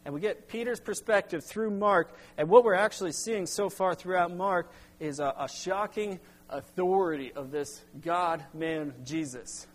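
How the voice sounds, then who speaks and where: A middle-aged man preaching a sermon as pastor, halting with restarts, then pressing into emphatic bursts. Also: high voice. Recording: long hall reverb.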